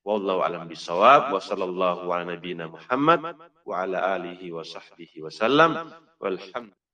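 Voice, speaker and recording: A man with a low, sharp-toned voice speaks fairly quickly while teaching an Islamic lesson. He reads Arabic text and explains it didactically through questions and answers, and the recording is muffled, as if from a distant microphone.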